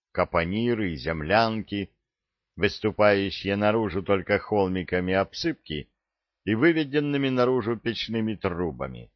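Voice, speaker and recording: A man narrates an audiobook in a low, deliberate voice, taking his time over every sentence. His delivery stays steady and measured throughout. The recording is dry and muffled, with a dull lo-fi tone. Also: no room sound.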